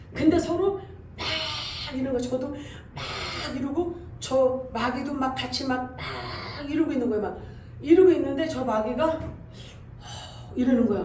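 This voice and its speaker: High-voiced woman preaching in an echoey church. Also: distant mic. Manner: animated storytelling with sound effects, swelling to loud exhortation. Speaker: pastor. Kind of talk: sermon. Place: church sanctuary. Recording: echoey church hall, voice from off-mic, faint room noise.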